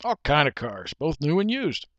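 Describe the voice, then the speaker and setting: A man's voice: on the high side, huge pitch swings, moderate pace, a bit bright, no echo, lo-fi sound. A man putting on a pushy car salesman. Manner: insistent, wheedling.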